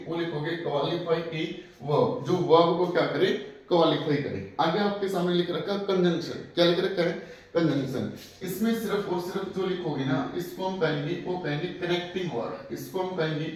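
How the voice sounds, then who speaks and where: Echoey Hindi-speaking grammar teacher. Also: male voice, fairly high pitch. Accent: Haryanvi Hindi. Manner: repetitive call-and-response teaching, asks students to repeat terms. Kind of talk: classroom grammar lesson. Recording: very echoey room from far off.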